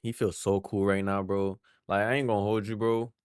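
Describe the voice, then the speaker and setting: A man's voice: on the low side, flat delivery, brisk, very noisy. A man hosting a reaction video in casual slang, tossing in "bro" constantly and breaking into heated outbursts.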